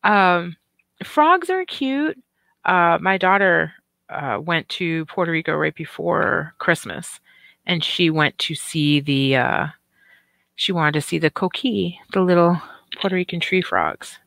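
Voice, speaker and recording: Her voice is on the low side, gravelly and a bit bright, and she keeps a measured pace. The middle-aged livestream commentary host chats casually and profanely with viewers, reading their comments, leaning on "um" and "like," and hiccuping as she rambles. The audio has no room sound.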